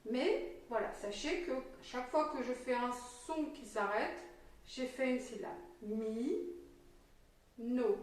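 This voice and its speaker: A woman teacher giving a slow, encouraging reading lesson to a young child, sounding out syllables clearly. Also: on the high side, a little hiss or hum. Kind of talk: patient early-literacy lesson. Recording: very echoey room, mic at a distance.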